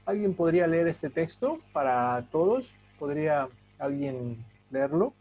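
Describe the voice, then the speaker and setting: A man teaching a Bible lesson, emphatic, with rhetorical questions and drawn-out stressed words. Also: fairly high pitch, animated, darkish tone, highs cut off, faint music behind. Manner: asks the class to help read.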